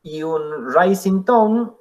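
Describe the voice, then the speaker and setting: A man teaching an English class, explaining slowly and patiently with spoken examples. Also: high-pitched, expressive, darkish tone. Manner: slow, patient explaining with demonstrations. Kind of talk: classroom lesson.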